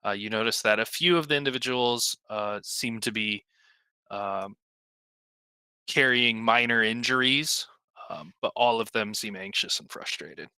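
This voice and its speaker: A man's voice: lowish voice, unhurried, bright, forceful tone, smooth, no room sound. A man narrating a tabletop game as game master, casual and profane with many fillers.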